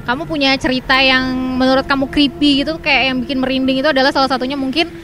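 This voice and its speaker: A woman's voice: high-pitched, flat delivery, fast talker, fairly bright tone. A woman from Indonesia chatting and telling personal stories as a podcast co-host, colloquial, with English words mixed in. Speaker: podcast co-host, works in broadcasting. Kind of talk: casual chat, personal storytelling.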